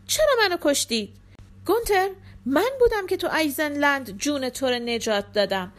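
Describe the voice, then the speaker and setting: A woman's voice: high voice, animated, a bit bright. A woman voicing a dying betrayed hero. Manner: pained, pleading reproach. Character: dying young male hero, wounded and betrayed.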